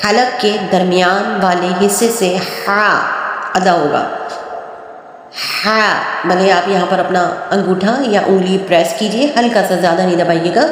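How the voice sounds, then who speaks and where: A woman teaching Quran reading, explaining patiently and repeating each letter in a drawn-out chant. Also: fairly low pitch. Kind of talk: step-by-step recitation lesson. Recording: very echoey room with long reverb.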